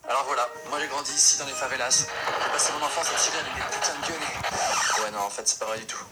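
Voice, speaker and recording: A young man from northern France narrating his life story in a quick, self-mocking comic style. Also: medium pitch, steady tone. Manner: quick, self-mocking, jumps into silly voices. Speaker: comedy YouTuber. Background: music.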